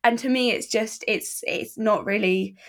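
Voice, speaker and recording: A woman's voice: medium pitch, a little slow. Late-teens woman, eager, chatty, middle register, guest. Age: young adult. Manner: enthusiastic, with fillers like "I mean". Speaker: semi-pro Muay Thai fighter. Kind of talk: conversational interview answers.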